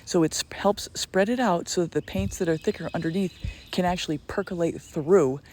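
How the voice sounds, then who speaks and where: A woman's voice: fairly low pitch, a little fast, darkish tone, slight background noise. A woman hosting an art tutorial, chatting and thinking aloud as she works, sometimes dropping to a whisper. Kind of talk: casual tutorial narration.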